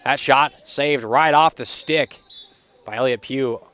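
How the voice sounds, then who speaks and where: A man calling a lacrosse game live from a commentary booth, steady and energetic, lifting on big plays. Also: mid-range voice, slow pace, smooth. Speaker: play-by-play commentator.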